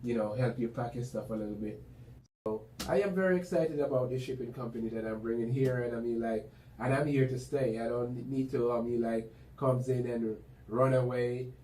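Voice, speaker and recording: A man's voice: mid-range voice, fairly even intonation, normal speed, warm tone. A man chatting casually as an interview guest, talkative and loose with lots of fillers. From Jamaica. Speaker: business owner guest. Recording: echoey room, mic at a distance, faint background noise.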